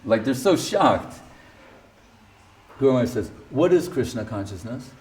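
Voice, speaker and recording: Recorded from a distance, a man with a mid-range, expressive, slightly mellow voice speaks at a moderate pace. He's giving an informal spiritual talk, recounting his guru's teachings through anecdotes, quoting others, and adding wry asides.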